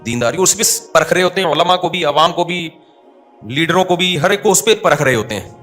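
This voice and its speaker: A man delivers a sermon in a mosque with a bright, clear voice that sits somewhat high. He talks to the crowd, asking questions and answering them himself. Soft music plays faintly underneath. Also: lively intonation. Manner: scolds listeners who look away. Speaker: mufti giving a mosque lecture.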